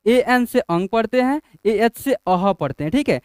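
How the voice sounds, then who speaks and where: A man teaching letters as a teacher, in slow, drawn-out drills that keep asking what each letter makes. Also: high-pitched, lively intonation, a little mellow, clean tone, no echo, studio quality. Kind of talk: classroom-style lesson.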